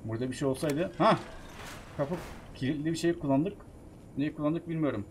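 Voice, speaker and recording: A man giving casual, chatty commentary while playing a video game, excitable, bursting into shouts. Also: fairly high pitch, a little fast, a little hiss or hum. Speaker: game streamer.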